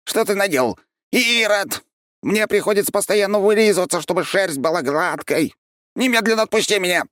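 A man's voice: a little high, big pitch swings, moderate pace, gravelly, a bit bright, no echo, clean studio sound, voice pushed up, full character voice. A man voicing a small, haughty male demon creature that poses as a cat, shrieking insults in a storybook reading. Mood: shrieking, indignant.

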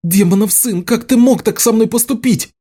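A man's voice: moderate pace, husky. Man voicing a furious young village woman. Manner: shrill shouting, outraged.

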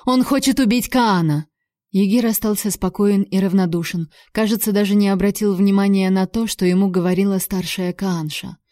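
Dark-voiced woman narrating a novel. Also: medium pitch, little pitch movement, brisk, few pauses, no room sound, clean studio sound. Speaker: audiobook narrator. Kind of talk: first-person novel narration.

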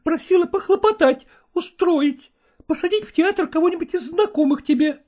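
A man reading a story aloud, voicing a jealous, demanding actress wife who scolds and shouts at her husband. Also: extremely high pitch, moderate pace, pitched above the performer's own voice. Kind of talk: audiobook character voice.

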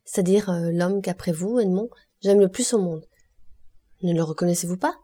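A woman's voice: on the low side, moderate pace, warm tone, breathy edge. Mercédès, a woman reading as a steadfast young lover. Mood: warm. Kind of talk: audiobook character reading.

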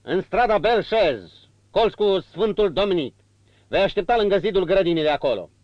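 A man's voice: sits high, lively intonation, no echo, pitched above the performer's own voice. A man voicing an enraged, jealous marquis in his thirties who barks his orders harshly, in a dull recording. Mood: commanding. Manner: shouting harshly. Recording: dull lo-fi audio.

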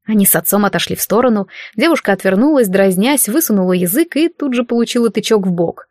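Woman narrating a fantasy audiobook, steady and even, mid pitch, dry close mic. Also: quick pace, no echo. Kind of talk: scripted narration.

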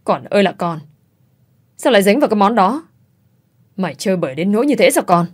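A woman's voice: lowish voice, moderate pace, darkish tone, lightly acted. A woman doing a harsh, scolding old mother-in-law. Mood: wailing. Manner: scolding, wailing.

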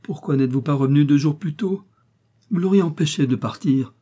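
A man's voice: on the high side, fairly quick, dark tone, slightly rough, pitched above the performer's own voice. A man reading a storybook voices an elderly grandmother, lamenting then exclaiming with joy. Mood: sorrowful. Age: older. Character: tearful old grandmother, warm and spirited.

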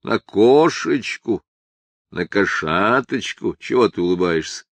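A man's voice: lowish voice, lively intonation, takes it slowly, a bit bright, no room sound, full character voice. A man reading an audiobook and voicing a weary writer in a dry, ironic, offhand way. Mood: wry.

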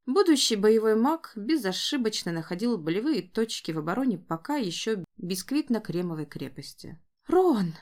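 A woman narrating a fiction audiobook in a lively, expressive way. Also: mid-range voice, normal speed, hardly any pauses.

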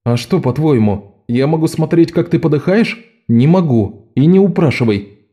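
A man voicing Locke, a wily adult male con man who talks in a wry, quiet way. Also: a little high, lively intonation, normal speed, natural voice. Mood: tender.

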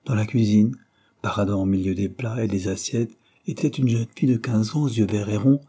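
Low husky-voiced male narrator. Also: fairly quick, dark tone. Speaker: audiobook narrator. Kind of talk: audiobook narration.

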